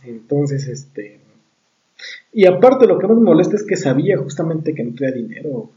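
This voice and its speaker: Young Mexican man, casual storyteller who swears a lot, warm higher voice, heard from far off. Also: normal speed, highs cut off. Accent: Mexican Spanish. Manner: slangy, profane, animated storyteller.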